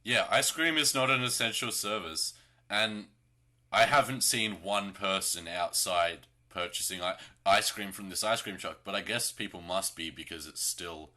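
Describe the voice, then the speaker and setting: Young australian man, low pitch, bright edgy tone, dry sarcasm. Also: moderate pace. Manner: dry, deadpan sarcasm with laughs. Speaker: podcast co-host. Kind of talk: casual chat.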